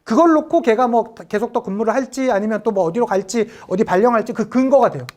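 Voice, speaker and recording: A woman's voice: a little high, fast, darkish tone. A woman giving an exam-prep history lecture, firing off rhetorical questions and briefly acting out quotes.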